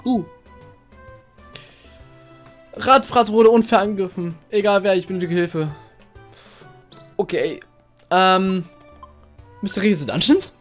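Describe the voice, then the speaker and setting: A woman's voice: mid-range voice, unhurried, long pauses. A woman let's player reading game text aloud and commenting casually. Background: video game music.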